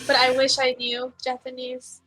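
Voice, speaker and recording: A woman chatting as a talk show guest in a high, bright voice. She is giggly and teasing, and faint music plays behind her. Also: monotone, moderate pace. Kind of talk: casual talk show chat.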